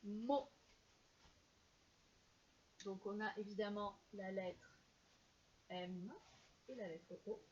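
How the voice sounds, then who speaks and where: A woman teacher talks very slowly and clearly to young children and stretches out each syllable as she sounds it out. Her voice sits in a middle range. The recording is dull, with a faint hiss behind her. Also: mid-range voice, flat delivery, darkish tone. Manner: slow, carefully sounding out syllables.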